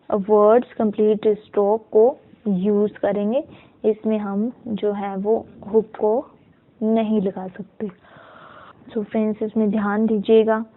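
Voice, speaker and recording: Heard through tinny, narrow-band audio, this mid-range female voice belongs to a teacher running a step-by-step shorthand class. She breaks words into syllables slowly and patiently, blends English terms into her Hindi, and keeps asking the class "ठीक है".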